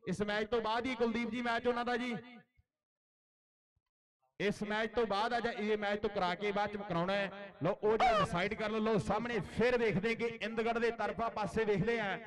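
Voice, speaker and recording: A man's voice: high voice, little pitch movement, fairly quick, rough recording. A man with a Punjab accent giving live rural kabaddi commentary, repeating his phrases and announcements. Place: outdoor village sports ground. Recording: loud outdoor crowd behind commentary.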